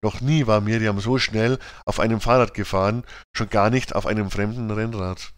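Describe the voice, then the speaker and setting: Guy reading a kids audiobook, even and clear, super dry close sound. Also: fairly low pitch, moderate pace, dry recording. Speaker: audiobook narrator. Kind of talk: children's audiobook narration.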